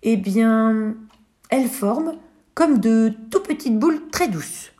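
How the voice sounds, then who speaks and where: A woman's voice: fairly high pitch, expressive, slow pace, faint music behind, voice pushed up. A woman reading a patient kindly stranger. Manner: gentle, patient explaining.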